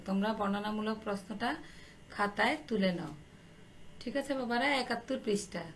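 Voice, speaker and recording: A woman teacher giving an online class, reading out quiz answers slowly and repeating them for young pupils to write down. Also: mid-range voice, slight background noise. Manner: slow, repetitive dictation, addresses pupils affectionately.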